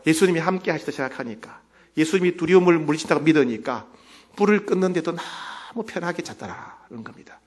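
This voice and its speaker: Man, pastor, sermon, acts out voices from scripture, very expressive pitch. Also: brisk, slightly rough. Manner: swings from loud exclamations to quiet, earnest asides; acts out dialogue while retelling scripture.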